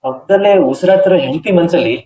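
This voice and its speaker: A man plays an earnest young brother-in-law in a TV serial who gives heartfelt, speechifying appeals. He talks quickly at an ordinary male pitch, and the TV audio sounds dull and lo-fi. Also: mellow, natural voice. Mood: pleading. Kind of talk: TV serial acting.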